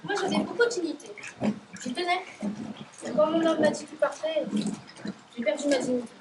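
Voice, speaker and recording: A woman's voice: high voice, normal speed, noisy background, close to an everyday voice. A teenage girl acting in a school stage play as a bitter, heartbroken young working woman, recorded from far off in an echoey hall. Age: teens. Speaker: high school stage actor.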